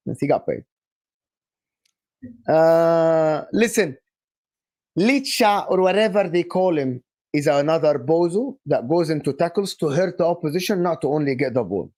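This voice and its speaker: A young adult man from Egypt co-hosting a casual football live stream, emphatic and animated, often repeating and restarting his phrases. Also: a little high. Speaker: football channel co-host.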